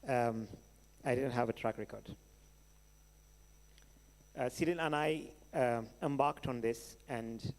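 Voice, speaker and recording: A man with a Senegalese accent answering questions as a keynote speaker, conversational and emphatic, with rhetorical questions. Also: medium pitch. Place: large hall at a live event. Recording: echoey hall with long reverb.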